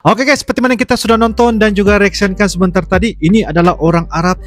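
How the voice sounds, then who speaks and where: A man's voice: high voice, fairly even intonation, fast. A man giving wordy, repetitive, casual reaction commentary as a video host. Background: music.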